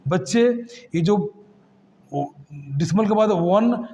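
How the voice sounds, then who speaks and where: Male math tutor, high voice, patient question-and-answer classroom delivery. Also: animated, takes it slowly, a little mellow. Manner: addresses students as kids, asks and answers his own questions.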